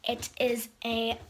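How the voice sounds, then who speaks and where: A high-pitched girl of roughly 10 to 12 chats casually as an amateur vlogger, giving a home tour while moving from room to room. She holds her phone at arm's length, and the recording is noisy.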